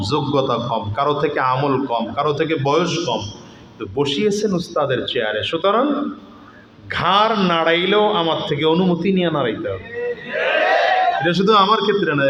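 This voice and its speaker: A male preacher with a Barisal Bengali accent, giving an open-air sermon, stern and scolding, rising to a shout on key points. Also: fairly high pitch, roomy sound, muffled recording, a little hiss or hum. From Barisal, Bangladesh.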